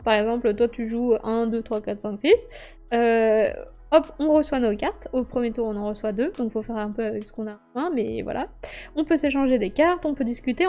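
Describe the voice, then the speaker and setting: Bubbly high-voiced woman board game streamer. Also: mellow. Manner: bubbly, laughs often, acts out quotes. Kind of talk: casual live-stream game review. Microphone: streaming microphone.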